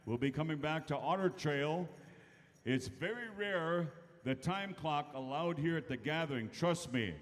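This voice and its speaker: A man with a fairly high voice announces as a powwow emcee. His words go out over an arena PA and ring with long reverb. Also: unhurried. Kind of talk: live event announcing over a PA. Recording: echoey arena PA, long reverb, loud music.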